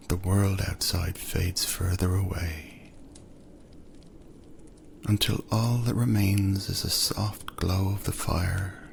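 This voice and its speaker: A man narrating a second-person sleep story in a soft, soothing voice that often drifts into whispers. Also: sits low, creaky, slight background noise.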